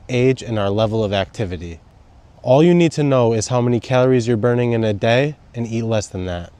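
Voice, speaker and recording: A man's voice: medium pitch, darkish tone. A man talking casually as a vlogger, telling his story and giving tips in a laid-back, slangy way. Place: outdoors in wind.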